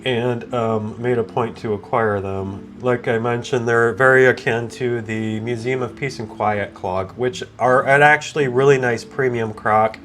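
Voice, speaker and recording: Over faint music, a man hosts a relaxed product review and unboxing chat in a mid-range, fairly bright voice that's a little congested and groggy from sinus trouble and just waking up. His intonation stays fairly even and he speaks unhurriedly with few pauses. He's easygoing, often drifts onto tangents and interrupts himself.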